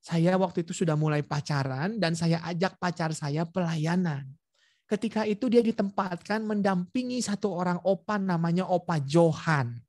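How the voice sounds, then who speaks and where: Speaking at a moderate pace in a high voice, a male preacher shares a personal story during an online prayer meeting. He animates the back-and-forth between people and keeps addressing listeners directly, and the video-call recording is dry and close, free of room sound.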